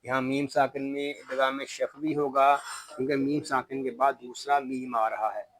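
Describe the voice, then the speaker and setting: A man teaching Quran recitation, spelling each word slowly letter by letter, explaining the tajweed rules, and then reciting the verses melodically. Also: medium pitch, little pitch movement, a bit bright, low-quality recording.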